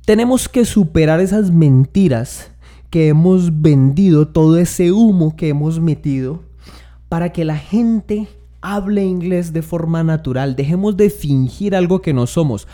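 Tolima Colombian man, mellow yet higher voice, passionate sarcastic comedic rant. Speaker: comedic English-teaching commentator.

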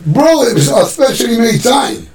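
A man's voice: very high voice, moderate pace, roomy sound. A man telling a story in casual, profane chat, acting out the voices of the people in it. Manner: animated, profane, acts out voices.

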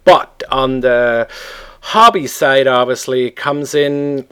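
A middle-aged man from Switzerland, a guest on a podcast, talking in a relaxed way and often pausing with ums as he looks for words. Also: mid-range voice, smooth. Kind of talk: casual interview conversation.

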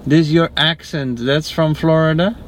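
A man chatting casually as an interviewer, gently prompting in a sympathetic way. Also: fairly high pitch, steady tone, normal speed. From outside the United States. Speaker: driver and interviewer. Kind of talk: casual chat. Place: inside a car. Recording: faint car noise.

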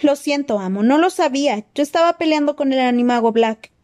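Brief: woman doing a high, shrieking fanatical witch, desperate and loud, audiobook villain. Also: normal speed, lightly acted. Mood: pleading. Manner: shrieking, pleading. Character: shrill frantic female dark witch, fanatical and fearful.

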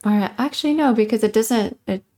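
A woman's voice: a little high, brisk, mellow. A woman co-hosting a podcast in casual chat, chatty and swearing casually. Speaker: podcast co-host.

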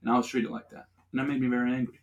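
A young man in a relaxed podcast chat tells a long, swearing-filled story with lots of laughter. His voice sits at an ordinary middle pitch, loose and informal. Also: very fast, lo-fi sound. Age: young adult. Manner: profane, animated storyteller who laughs often. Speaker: podcast host.

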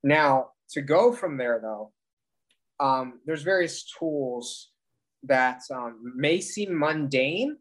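A man speaking as a podcast guest in casual interview chat, haltingly thinking aloud as he explains. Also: mid-range voice, lively intonation, poor audio. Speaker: podcast guest, occult practitioner.

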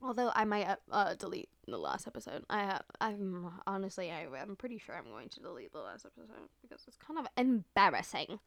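A young woman chats alone into the mic like a podcast host, in a dry, close recording with no room sound. Her pitch sits in the middle for a woman. She talks in loose, slangy, profane sentences full of filler words and leans hard on exaggerated emphasis. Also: sing-song, fairly quick, gravelly, few pauses, a bit bright, no echo. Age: young adult. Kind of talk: casual solo chatty monologue.

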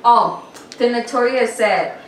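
A woman's voice: a little high, takes it slowly, far from the mic. A woman co-hosting a podcast in casual, slangy chat, reading out viewer comments bluntly. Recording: echoey room, faint noise.

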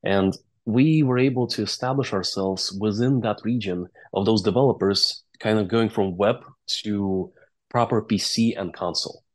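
Speaking at a normal speed, this interview guest, who founded and runs a game company as CEO, recounts stories in a conversational way. He has a low voice, and Russian or Latvian is his native language.

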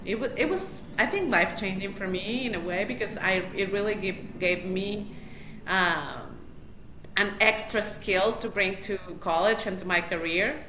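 A woman from Mexico City with a Mexican Spanish accent speaks at medium pitch, a little slowly, with a slightly bright tone. She is a matchmaker appearing as a guest in a casual interview, laughing often and restarting her sentences. The room is echoey, with faint background noise.

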